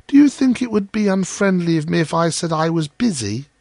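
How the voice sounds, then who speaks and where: A man's voice: fairly high pitch, lively intonation, brisk, darkish tone, dry recording, studio quality, voice pushed up. A man voicing a shy, timid, naive little man in a storybook, meek and eager to please. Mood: timid, anxious. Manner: meek, deferential. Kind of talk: storybook character voice.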